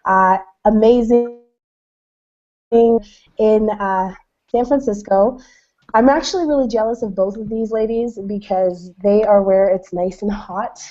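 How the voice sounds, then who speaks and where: A woman's voice: medium pitch, fairly even intonation, unhurried, warm tone, highs cut off. A woman from Canada hosting a casual online webinar, enthusiastic and chatty with plenty of fillers. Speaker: host. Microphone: video call.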